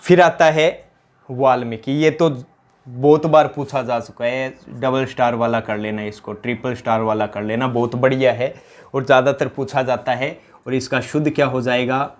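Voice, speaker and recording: A man with a Rajasthani accent teaches an exam-prep grammar lesson in a mid-pitched voice. He drills every answer by asking the question again and again, and he keeps addressing his students as companions. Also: steady tone, normal speed.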